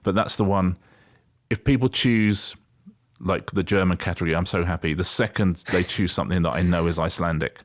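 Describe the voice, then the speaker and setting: A man's voice: low-pitched, fairly quick, slight background noise. A middle-aged man co-hosting a podcast, chatting casually and wryly, rambling with frequent restarts. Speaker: podcast co-host. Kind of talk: casual chat.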